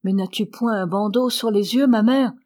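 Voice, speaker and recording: A woman's voice: mid-range voice, normal speed, darkish tone, close to an everyday voice. A woman reading aloud, voicing a passionate young noblewoman speaking fervently to her mother.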